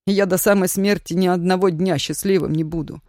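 A reader voices a young Roma man, stubborn and earnest, who picks every word with slow care. The voice sits at a middle pitch and sounds dry and close, with no room around it, like a plain storybook reading. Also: steady tone, a little mellow, dry recording, close to an everyday voice. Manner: slow, weighing each word.

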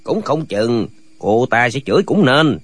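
A man's voice: mid-range voice, big pitch swings, unhurried, husky. A man voicing a group of quarrelsome, foolish male martial hermits in a radio drama reading, bickering back and forth.

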